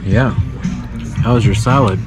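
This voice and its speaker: A man chatting casually and jokingly for an outdoor bikepacking vlog, excitable and prone to whooping. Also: on the low side, unhurried, over loud music. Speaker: vlogger on a bikepacking trip. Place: outdoors on a bike trip. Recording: loud wind and outdoor noise.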